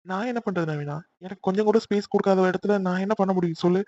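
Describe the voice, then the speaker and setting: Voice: mid-range voice, fast, a little mellow, lo-fi sound, close to an everyday voice. A voice actor playing a young office worker in a cartoon, urgent and later bitterly resigned. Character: young Tamil man Akil, office worker, hurt. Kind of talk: cartoon voice acting.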